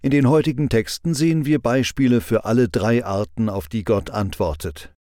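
A man giving a calm devotional sermon with a measured, instructive delivery. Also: medium pitch, no echo, clean studio sound. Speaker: preacher.

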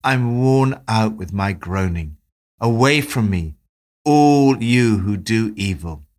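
A man giving a devotional talk, reading Bible passages and reflecting on them in a calm, measured way. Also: fairly low pitch. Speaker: devotional presenter.

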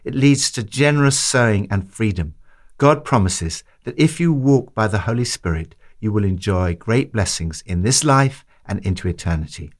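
Man giving a measured devotional reading. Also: lowish voice, animated. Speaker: devotional reader. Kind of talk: scripted devotional commentary.

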